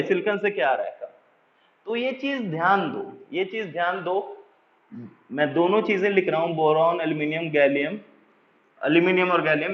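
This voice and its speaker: A man with a high voice teaches chemistry in a lecture, speaking. He explains step by step, answers his own questions, and dictates slowly for notes. The sound is dull and lo-fi, in an echoey room. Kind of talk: classroom lecture.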